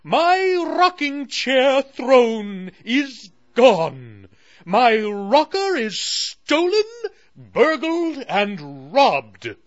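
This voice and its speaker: A man voicing a fussy, huffing queen of the moon, who speaks slowly and dramatically. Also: very high-pitched, big pitch swings, pitched above the performer's own voice, full character voice. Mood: fuming. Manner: huffy, slow and dramatic. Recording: dull, dry lo-fi recording.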